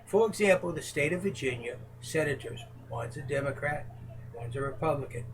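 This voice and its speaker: A man's voice: a little high, lively intonation, brisk, slight background noise, rough recording. A man answering interview questions as a presidential hopeful in a casual home chat, earnest and emphatic.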